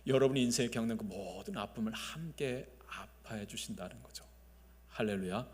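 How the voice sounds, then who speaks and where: Korean pastor preaching in an echoing sanctuary. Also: male voice, mid-range voice, moderate pace, slight background noise. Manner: swings between loud emphasis and soft, quiet phrases; leads the congregation in call-and-response. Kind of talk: sermon. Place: large church sanctuary. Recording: long reverb of a church sanctuary.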